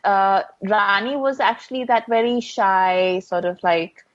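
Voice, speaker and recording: A woman's voice: mid-range voice, measured pace, muffled recording. A woman co-hosting a podcast in casual chat, talking freely with lots of "like" fillers. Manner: chatty, heavy use of "like" fillers. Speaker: podcast co-host.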